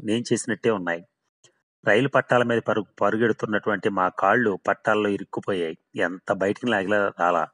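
A man's voice: lowish voice, a bit bright. A man voicing the ghost of a hard-drinking male laborer who keeps swearing his tale is true, in a storybook reading.

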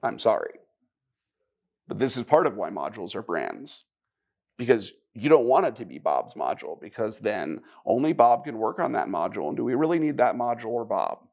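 A man giving a live technical conference talk, conversational, with wry asides and quick questions to the audience. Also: fairly low pitch, sing-song, creaky, a little mellow. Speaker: conference speaker.

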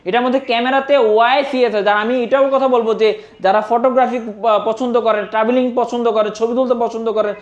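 A Bangladeshi salesperson giving a hard-sell promotional pitch for products in an insistent, repetitive, urging manner. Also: steady tone, quick pace, lo-fi sound. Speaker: phone shop salesperson.

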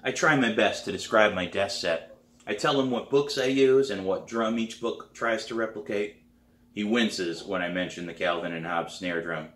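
Male author reading his middle-grade book aloud, steady narration, lowish voice. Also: moderate pace, roomy sound. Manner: plain, steady first-person narration. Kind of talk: storybook read-aloud.

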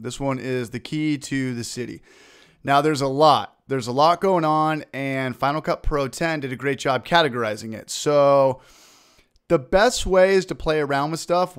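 Upbeat man hosting a software tutorial. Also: mid-range voice, clear, resonant tone. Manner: upbeat, informal, narrates each click. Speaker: video tutorial host. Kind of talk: screen-recorded software tutorial.

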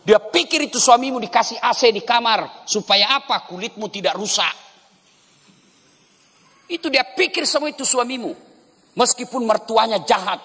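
Male preacher, husky and animated, swings his pitch widely while joking with the congregation; recorded with long reverb in a large mosque. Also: normal speed. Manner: animated, jokey, acts out dialogues with the congregation. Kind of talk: humorous mosque sermon.

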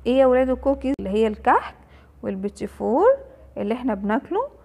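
A young woman with an Egyptian Arabic accent, teaching an English phonics lesson to small children and repeating each sound slowly. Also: on the high side, expressive, gravelly, darkish tone, slightly rough. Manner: slow, drawn-out sounding of letters and words, repeated for children.

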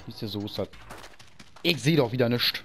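A man's voice: mid-range voice, lively intonation, brisk, gravelly, background noise. A man casually commenting on a video game while he plays, thinking aloud and muttering to himself. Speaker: let's play host.

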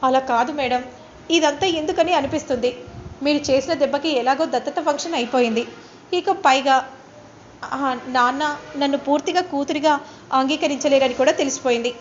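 A woman's voice: high-pitched, fairly even intonation, fairly quick, lo-fi sound, a little hiss or hum, close to an everyday voice. A woman voicing a clever young wife who speaks politely but coolly mocks her rival. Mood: meek. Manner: polite on the surface, coolly mocking.

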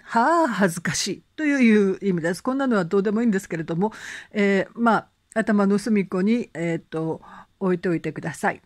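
A woman teaching English conversation in an online lesson, speaking in a gentle, encouraging way with frequent fillers and reading out slow, careful English examples for learners to repeat. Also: mid-range voice, dry recording, studio quality.

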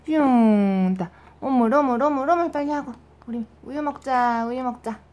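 A mother speaking soft, sing-song baby talk while spoon-feeding her baby at home, repeating little chewing sounds to coax each bite. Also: high-pitched, normal speed, lo-fi sound. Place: home, at the baby's feeding chair.

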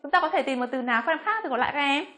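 A Vietnamese woman teaching English pronunciation, speaking slowly on her model words between quicker explanations. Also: high voice, lively intonation, sharp tone. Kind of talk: pronunciation lesson.

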